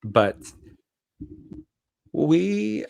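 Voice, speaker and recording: A man's voice: on the high side, very animated, extremely slow, vocal fry, a little mellow, no echo. A man from Los Angeles co-hosting a podcast, telling a personal story in a rambling way with lots of fillers and self-corrections. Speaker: podcast co-host. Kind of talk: casual chat, personal storytelling.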